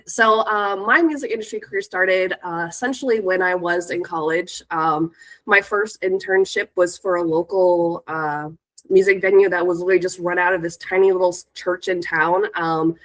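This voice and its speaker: Her voice sits on the low side, steady and fairly bright, at a normal speed, though the audio is poor. She's an American in her thirties from Northern California who works in the music industry, and as a guest speaker she chats informally about herself in a stuffy, congested voice because she has a cold.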